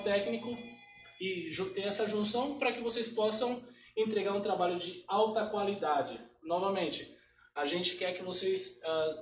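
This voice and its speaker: A man's voice: sits high, slight background noise. A man hosting a tech meetup and giving casual welcoming remarks. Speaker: meetup organizer and host. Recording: echoey room, distant mic.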